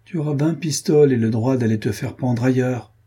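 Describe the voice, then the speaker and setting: A man's voice: medium pitch, brisk, dark tone, husky, pitched above the performer's own voice, natural voice. A man voicing a stern young nobleman in a storybook reading, speaking in a cool, threatening, firm way.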